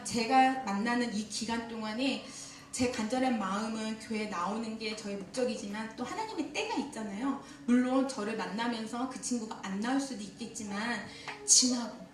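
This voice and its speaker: At a church teachers' seminar, a woman with a high voice gives a lively, interactive talk, questioning the audience and laughing often. Her voice comes from far off in the church hall, with a booming echo.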